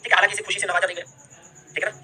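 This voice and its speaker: Pushed, bright and high, the young man's voice stays level in tone while racing through a live online history class. He repeats key terms and checks in with students after each point.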